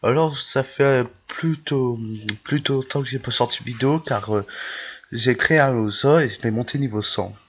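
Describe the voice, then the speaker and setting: A man's voice: mid-range voice, moderate pace. A man with a lisp and slushy s sounds gives casual game commentary, hesitant, searching for words and repeating himself. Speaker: YouTube gameplay host. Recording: dull lo-fi microphone.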